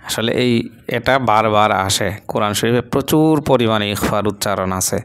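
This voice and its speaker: Male recitation teacher from Bangladesh, patient and repetitive, low smooth clear voice. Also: a bit bright. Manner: patient, repeats syllables slowly, drawls long vowels. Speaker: Quran reading teacher. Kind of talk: step-by-step recitation lesson.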